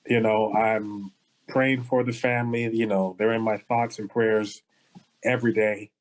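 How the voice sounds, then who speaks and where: A man's voice: fairly low pitch, flat delivery, unhurried, low-quality recording. A man from the Los Angeles area co-hosting a podcast, speaking in a heartfelt and thoughtful way. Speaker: podcast co-host. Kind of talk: casual podcast conversation.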